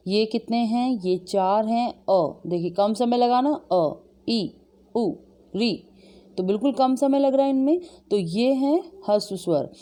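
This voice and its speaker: Woman teaching Hindi grammar, mellow voice. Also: fairly high pitch. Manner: explains step by step, asks and answers her own questions; often adds "ठीक है" and "है ना" as check-ins. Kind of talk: exam-prep grammar lesson.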